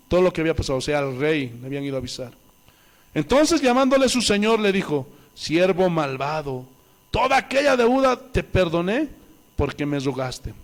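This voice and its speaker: A male pastor, preaching a sermon with emphatic rhetorical questions and reading scripture aloud. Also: sits high. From Bolivia.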